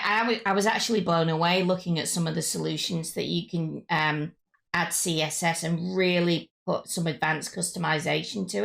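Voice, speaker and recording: A woman's voice: on the low side, creaky. A woman hosting a casual panel chat, speaking in an effusive, enthusiastic way. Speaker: show host.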